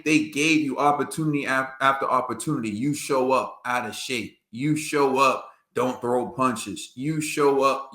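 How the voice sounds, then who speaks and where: Male podcast co-host, bright forceful voice, roomy echo, emphatic casual boxing talk. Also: fairly high pitch. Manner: emphatic, animated, laughs often.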